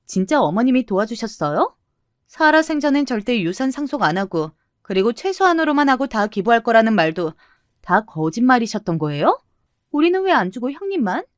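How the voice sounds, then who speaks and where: A woman voicing a snobbish sister-in-law near forty who talks down to others in a slow, mocking drawl. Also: medium pitch, expressive, a little mellow, no room sound, studio quality, close to an everyday voice. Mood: sneering. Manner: mocking, condescending, drawn-out.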